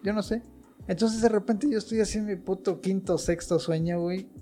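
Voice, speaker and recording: A man's voice: high-pitched, steady tone, a little fast, warm tone. A young man with a Mexican Spanish accent, telling a slangy anecdote through laughs in casual chat. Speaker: podcast co-host.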